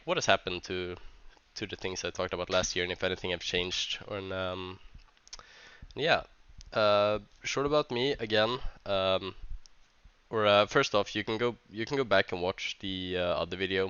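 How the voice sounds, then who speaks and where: Stuffy from a cold, a Swedish man who organizes tournaments reads a vlog script in English, his second language, with a Swedish accent, stumbling hesitantly and restarting many times. He has a deep, smooth voice with a fairly bright tone. The recording is dry, with the highs cut off.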